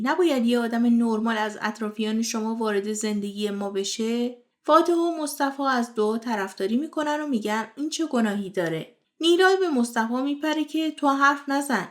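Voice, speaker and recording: Higher-pitched woman narrating a drama recap. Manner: steady storytelling voice, relaying characters' lines as reported speech. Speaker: series recap host. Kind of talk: scripted narration retelling a TV series.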